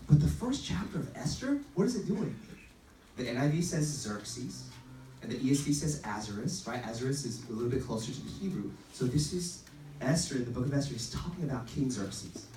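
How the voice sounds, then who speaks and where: A pastor with a medium-pitched, sing-song, mellow voice preaches an informal, upbeat youth sermon at a brisk pace. He tells stories conversationally and acts out quoted lines, recorded at a distance in an echoey room with roomy pickup and faint noise.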